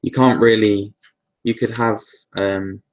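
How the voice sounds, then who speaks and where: A man hosting a casual live Q&A, answering viewer questions in a relaxed, meandering way with lots of fillers and restarts. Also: lowish voice, slow.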